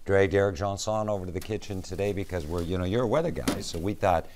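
A man's voice: sits low, fast, background noise. A man hosting a live TV cooking segment in a studio kitchen, bantering and joking with guests. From Minnesota. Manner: jokey, playful teasing. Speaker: TV show host.

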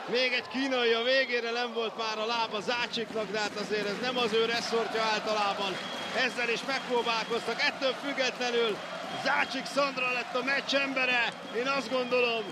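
A male sports commentator calls live handball. He is excitable and openly partisan, over a very loud crowd and heavy arena noise. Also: very high-pitched. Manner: partisan, excitable, shouts at big moments.

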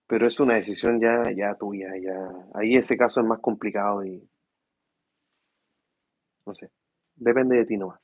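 A tired man, hosting a casual tech livestream from home and speaking softly so his sleeping kids don't wake. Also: fairly low pitch, steady tone, moderate pace, long pauses, husky, no room sound, dull audio. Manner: speaks softly to avoid waking his children. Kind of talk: casual live chat reading viewer questions. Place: room at home at night.

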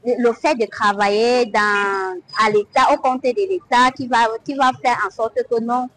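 A young woman answering on the street, halting with restarts. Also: fairly high pitch, fairly even intonation, music in the background, rough recording. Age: young adult. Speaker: street interviewee. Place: outdoors, street. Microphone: lapel.

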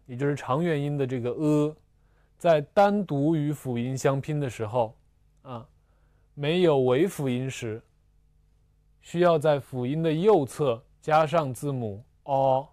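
Guy teaching a language class, super slow and patient, dark mellow voice, dry sound. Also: a little high, no echo. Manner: slow and patient, repeats syllables twice, fillers like "啊" and "呃". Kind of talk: slow, deliberate classroom explanation.

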